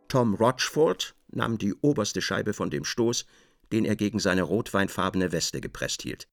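A man narrating a literary radio play in a measured, even storytelling manner. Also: fairly low pitch, creaky.

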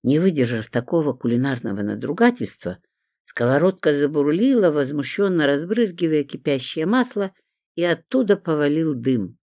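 Deep-voiced woman narrating an audiobook. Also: moderate pace, no echo, studio quality. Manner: wry, lively first-person telling.

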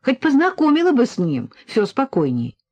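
A woman's voice: medium pitch, expressive, measured pace, a little mellow. A woman reading an audiobook voicing a fussing, exasperated middle-aged mother who scolds and frets. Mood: scolding. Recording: dull lo-fi recording.

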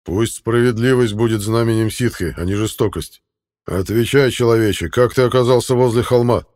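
A man voicing a male fairy ruler who speaks in a measured, commanding way. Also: mid-range voice, darkish tone, voice pushed up, lightly acted.

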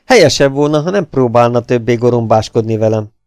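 A man reading aloud, voicing a coolly menacing gangster who speaks with smooth, mocking courtesy. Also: medium pitch, lively intonation, a little mellow, no room sound, studio quality, close to an everyday voice. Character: mock-polite adult male gangster, cool and menacing.

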